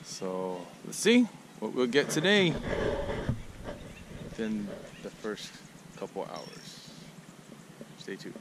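Man, lower voice, relaxed fishing vlog chatter, outdoor camera audio, clear background noise. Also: takes it slowly, pauses often. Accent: Southern Californian. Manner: laid-back, chatty, excited bursts at catches. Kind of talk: casual outdoor vlog narration. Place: lakeside park outdoors. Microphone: action camera mic.

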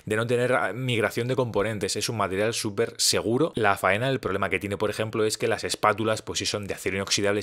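Guy in his 30s, lowish voice, talks fast and animated, explainer vid his home office. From Spain. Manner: quick, animated, gesturing with both hands. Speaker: food science presenter. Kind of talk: explainer talk to camera. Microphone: studio condenser mic on a stand in front.

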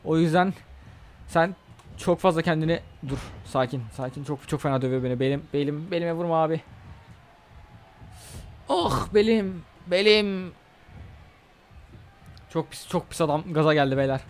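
A young man with a sore throat doing casual, excitable let's-play commentary, trash-talking his opponent and bursting into loud shouts. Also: fairly high pitch, fast, a little hiss or hum. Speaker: gaming channel host.

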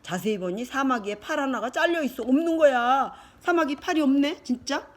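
An older woman, a grandmother, reading a picture book to her grandchild, lively and chatty with little asides. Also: high-pitched, moderate pace. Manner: animated, shifting into character voices and asides.

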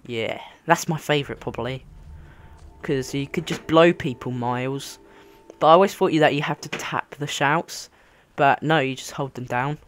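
A man's voice: mid-range voice, moderate pace, slight background noise. A man giving casual let's play commentary on a game, rambling and easily amazed. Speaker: gamer commentating a playthrough.

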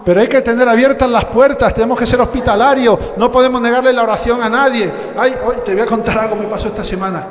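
A man's voice: very high voice, fairly even intonation, fast talker, hardly any pauses. A man from Spain preaching a sermon as pastor, telling humorous stories and acting out the dialogue. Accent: Spanish from Spain. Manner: storytelling, jokey asides, acts out dialogue. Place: church hall. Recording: echoey hall with long reverb.

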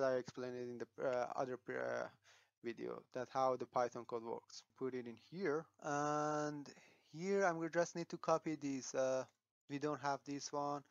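A man narrates a software tutorial as he thinks it through, hesitating on fillers and beginning sentences again. His voice is smooth and middle-pitched, captured in a dry, somewhat dull recording.

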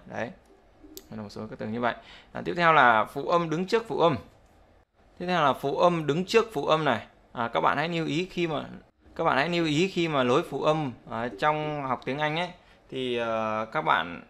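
A man's voice: a little high, moderate pace, vocal fry, sharp tone. A man teaching English pronunciation in a casual spoken lesson, explaining step by step and often checking that viewers follow.

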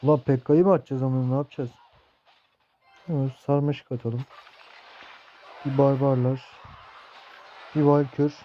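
A young man in his late teens giving casual gameplay commentary, cursing and blurting out excited reactions as he plays. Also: medium pitch, moderate pace, long pauses, dull audio. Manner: profane, excitable outbursts while playing. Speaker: mobile gaming youtuber.

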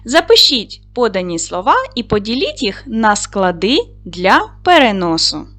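A woman's voice: medium pitch, sing-song, a little slow, fairly bright tone, soft background music. A woman teaching a recorded lesson to young schoolchildren, asking them questions, answering them herself and praising them often.

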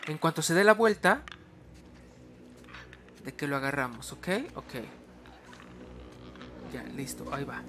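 A young Mexican man doing let's-play commentary, muttering hushed self-coaching through stealth with sudden loud outbursts. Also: medium pitch, lively intonation, a little slow, long pauses, background noise. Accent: Mexican Spanish. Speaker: gaming streamer.

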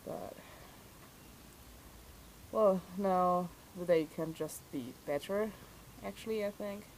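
A woman on a walking trip, talking candidly to her camera in a casual vlog, outspoken and quick to swear. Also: lowish voice, background noise. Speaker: pilgrim vlogger.

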